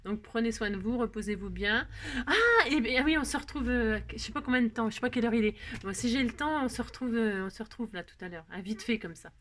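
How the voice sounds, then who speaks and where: A woman's voice: fairly high pitch, quick pace, hardly any pauses. A woman hosting a chatty crafting tutorial, rambling and self-mocking, talking to herself as she works. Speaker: craft video host.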